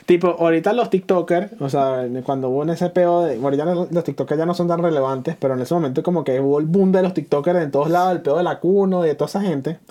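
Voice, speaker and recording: Fast-talking man. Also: a little high, mellow. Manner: fast, rambling, slangy opinions. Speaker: podcast co-host. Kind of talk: casual chat.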